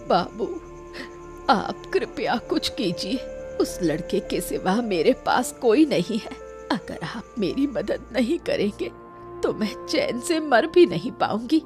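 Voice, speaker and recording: A woman's voice: on the high side, sing-song, slow pace, over music. A woman voicing a worried, pleading elderly mother in a cartoon story. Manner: pleading, tearful. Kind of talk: cartoon voice acting.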